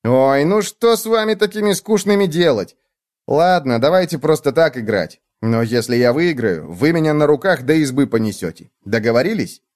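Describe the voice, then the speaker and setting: A man voicing a mischievous, boastful little bedbug prince in a high, teasing voice for a children's storybook. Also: animated, normal speed, a little mellow, natural voice.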